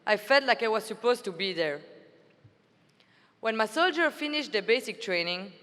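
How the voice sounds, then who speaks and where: Fairly high and fairly bright, her voice stays animated at an ordinary pace as the Belgian army officer in her twenties reads her formal, earnest conference speech. The recording picks up hall reverb through the venue's PA system.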